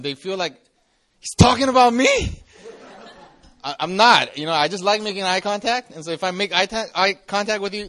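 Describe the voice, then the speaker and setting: Speaking before a live audience, this forties-aged campus pastor gives a relaxed, jokey youth sermon with plenty of restarts. His voice is high-pitched with a sharp edge.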